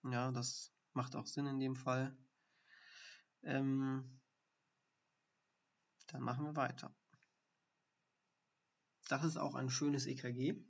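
A doctor speaks slowly in a live-streamed ECG lesson, pausing often as he thinks aloud with fillers and explains the findings step by step. His mid-range voice is gravelly and husky, with a flat delivery. The audio sounds dull and lo-fi.

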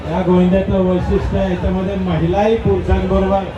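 A man's voice: high voice, monotone, fast talker, recorded from a distance, highs cut off, background noise. A man acting as event announcer at an outdoor street festival, talking over a PA system and urging and directing the crowd. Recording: echoey loudspeaker heard from afar amid a loud crowd.

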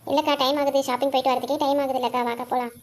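A woman's voice: high-pitched, little pitch movement, racing, close to an everyday voice. A woman voicing a shy, polite young bride-to-be in a cartoon. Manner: polite, deferential. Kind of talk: cartoon voice acting.

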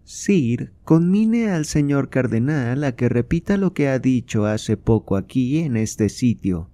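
A man's voice: mid-range voice, lively intonation, a little slow, warm tone, no room sound, pitched above the performer's own voice, close to an everyday voice. A man reading aloud, voicing a proud and indignant queen with a raised, fervent, declamatory delivery.

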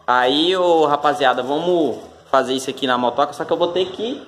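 A man with a Brazilian Portuguese accent hosting a casual vlog from a home garage, chatting in a relaxed, slangy way and often turning to his viewers. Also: fairly high pitch, brisk, slight background noise. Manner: laid-back, slangy, keeps addressing the viewers. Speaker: channel host. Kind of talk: casual chat.

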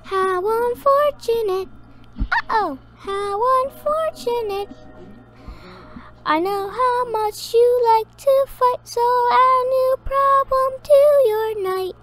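A woman's voice: very high voice, slow, over music, voice pushed up. A woman mimicking a teasing little girl character from a video game, singing taunting rhymes. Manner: sing-song, teasing rhyming lines.

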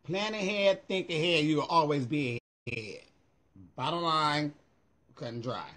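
His voice is fairly high, bright and forceful at a measured pace as this middle-aged American man chats on a livestream from home. Recorded on a phone held at arm's length, the vlogger is sassy, emphatic, and profane.

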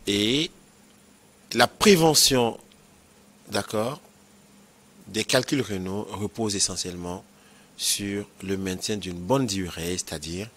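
A man's voice: lowish voice, takes it slowly, long pauses, fairly bright tone. A man, a nephrologist explaining kidney stone prevention in a health interview, repeating key points and checking that he is understood.

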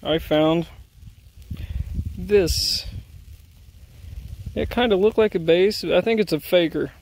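A man with a somewhat high, gravelly voice talks casually as he walks a crop field. He rambles in an easygoing, self-deprecating way. The sound comes from a handheld camera outdoors. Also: slow pace, darkish tone. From Indiana. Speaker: arrowhead hunter filming his finds. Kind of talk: casual outdoor vlog narration. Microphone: handheld camera mic.

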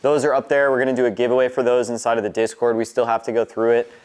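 A man's voice: medium pitch, flat delivery, racing, a little mellow, clean tone. A man in his twenties with an American accent, hosting a casual, informal tour vlog indoors. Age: 20s. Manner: informal, mildly profane. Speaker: host giving a warehouse tour. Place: large concrete warehouse and upstairs office, indoors.

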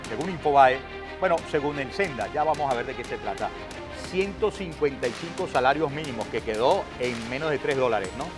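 This news host is a middle-aged Venezuelan-accented man whose pitch sits on the high side, speaking from a TV studio. Reading through reports, he reacts with sarcasm and indignation, hammering his points with pointed rhetorical questions.

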